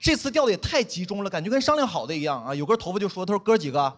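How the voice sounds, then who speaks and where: A young man performing a stand-up comedy set on stage, acting out quoted dialogue. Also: high voice. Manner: animated, quick-talking, acts out quoted dialogue. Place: comedy stage before a live audience.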